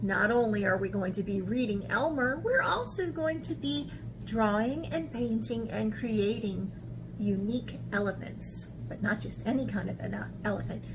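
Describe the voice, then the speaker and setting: As an art teacher leading a children's picture-book read-aloud, a woman speaks with animation and poses questions to her young audience. Her pitch is medium, and background noise can be heard.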